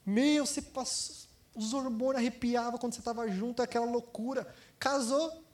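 Brazilian pastor guy preaching, pretty high voice, lively, does little voices for the people he quotes. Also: moderate pace. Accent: Brazilian Portuguese. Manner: lively, acts out quoted voices and asks the audience questions. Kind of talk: sermon to a congregation.

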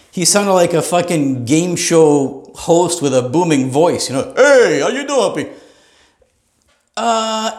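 A man's voice: on the high side, darkish tone, roomy sound. A man hosting a comedy podcast, ranting in a profane, rambling way with laughing asides, recorded in a small private studio. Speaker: podcast host. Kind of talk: comedic rant.

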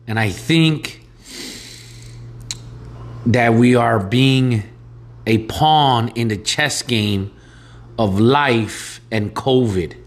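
Teasing, sarcastic male podcast co-host. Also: mid-range voice. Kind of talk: casual podcast chat.

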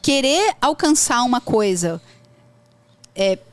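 Slow-paced and on the high side, the voice of a Brazilian woman with a Brazilian Portuguese accent comes through with no room sound. Chatting casually, she offers advice about learning English, telling animated stories and emphatically repeating her points.

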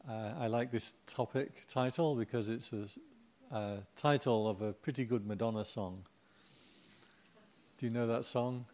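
A man's voice: medium pitch, darkish tone. A middle-aged man giving an informal Dharma talk as a Buddhist teacher, chatty and humorous, with playful asides to the audience.

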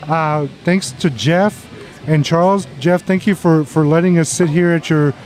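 A man's voice: fairly high pitch, a little slow, a little mellow, soft background music. A man hosting a podcast on location at a brewery, chatty and stumbling over repeated words. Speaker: podcast host. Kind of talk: casual podcast chat. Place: brewery taproom.

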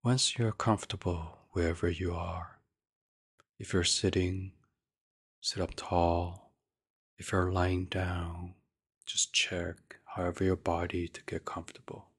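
Leaving long, gentle pauses, this man speaks in a low, breathy near-whisper that eases listeners toward sleep. As a meditation podcast host he keeps an ASMR style, his delivery flat, even, and extremely slow.

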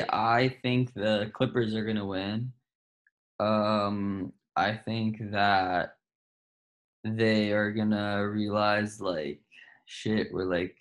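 A young man co-hosting a casual sports chat, relaxed and hesitant, with lots of fillers and slang. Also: on the low side. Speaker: co-host.

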